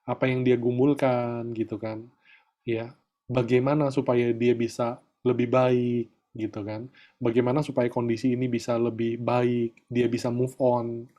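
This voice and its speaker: A middle-aged man coaching a group in a relaxed, chatty way, often tagging his sentences with little fillers. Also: medium pitch, a little slow. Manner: chatty, peppers talk with filler tags. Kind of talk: casual online coaching talk.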